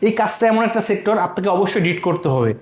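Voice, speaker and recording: A man's voice: sits high, expressive, rapid-fire, echoey room. A man, a company representative explaining services step by step in a promotional interview, repeating key points.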